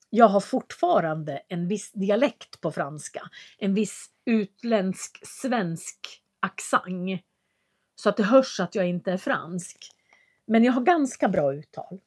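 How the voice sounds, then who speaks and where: Woman, live language teacher, articulates every word, patient explainer. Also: medium pitch. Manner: clear, carefully articulated speech. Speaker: Swedish teacher. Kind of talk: live language lesson answering chat.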